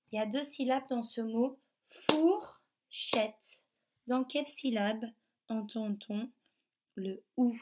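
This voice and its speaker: French woman teacher, slightly high voice, very slow and clearly articulated, for small children. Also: darkish tone. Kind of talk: remote lesson for young children.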